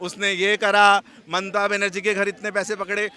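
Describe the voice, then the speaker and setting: A man's voice: sits high, level tone, normal speed, sharp tone. A man in a heated street debate, insisting on his turn to speak and answering sarcastically. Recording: crowd noise behind.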